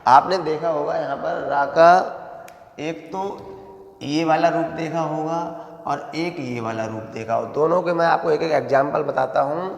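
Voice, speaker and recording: A man teaching young pupils, his voice sitting a little high and ringing through a bare, reverberant room with a long echo. He draws syllables out slowly and keeps asking a question, then answering it himself. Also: vocal fry. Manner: slow, drawn-out syllables, asks questions and answers them himself. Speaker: primary school Hindi teacher. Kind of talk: classroom lesson explaining grammar.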